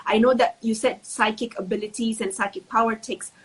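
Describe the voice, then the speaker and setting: A woman's voice: on the high side, fairly even intonation, brisk, a little hiss or hum, poor audio. A woman hosting a casual online interview, friendly and hesitant, with many fillers. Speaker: host.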